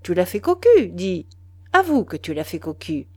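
A woman's voice: fairly low pitch, big pitch swings, normal speed, mellow, no echo. A woman reading a jealous, needling husband. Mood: insistent, teasing. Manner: coaxing, pressing, mocking. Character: jealous insistent young husband, needling his wife.

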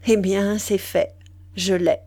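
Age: young adult. Figure: a woman reading a hushed young suitor. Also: mid-range voice, fairly even intonation, slow pace, no echo. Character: young man, bold suitor, awkward with his new wife.

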